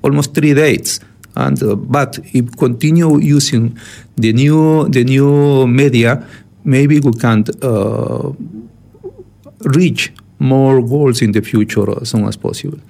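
A man from Ecuador speaking English with an Ecuadorian Spanish accent, answering interview questions as a diplomat in a halting way with many fillers and restarts. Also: mid-range voice, vocal fry, dark tone. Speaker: diplomat guest.

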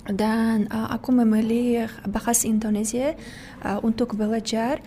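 A young woman with an Uzbek accent speaks Indonesian as a foreign learner, in a slightly high voice. She answers interview questions haltingly with simple phrasing, over some background noise. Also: steady tone, mellow. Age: young adult. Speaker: scholarship student guest. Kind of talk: radio interview.

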